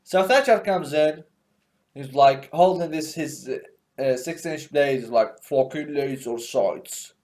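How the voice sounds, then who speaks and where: Male stand-up comic, fairly high voice, rambling and profane, leans on fillers. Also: animated, unhurried, darkish tone. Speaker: comedian. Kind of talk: stand-up comedy monologue.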